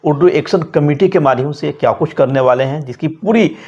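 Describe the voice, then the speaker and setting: A man's voice: fairly high pitch, fairly quick, darkish tone, breathy edge, dull audio. A man hosting a local news interview, asking brief, polite questions.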